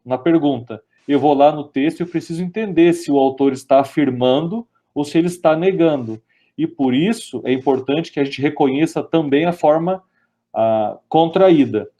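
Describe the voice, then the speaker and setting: A male lecturer with a Brazilian Portuguese accent gives a grammar lesson by webinar in a warm, fairly high-pitched voice. He builds his explanation step by step and reads English examples out slowly.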